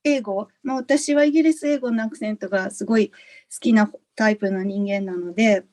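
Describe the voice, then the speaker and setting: A woman's voice: mid-range voice, fairly quick, a little mellow. A woman on a webinar panel chatting candidly about accents in her class, laughing easily. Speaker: MBA student panelist. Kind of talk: casual webinar Q&A answer.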